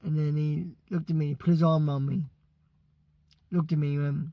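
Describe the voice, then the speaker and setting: A British man from the UK telling a story casually, excitable and stumbling over his words. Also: fairly high pitch, brisk, dry recording. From United Kingdom. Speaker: vlogger.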